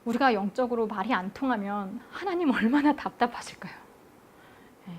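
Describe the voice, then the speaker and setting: A woman preaching an afternoon church sermon, putting questions to the congregation and answering them herself with a steady "yes.". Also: fairly high pitch, brisk, a little hiss or hum.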